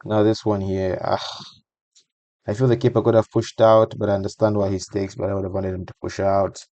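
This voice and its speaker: A man's voice: fairly low pitch, little pitch movement, a little fast, mellow, dry recording. A man giving a casual voice-over breakdown of a football match, talking conversationally and repeating phrases for emphasis.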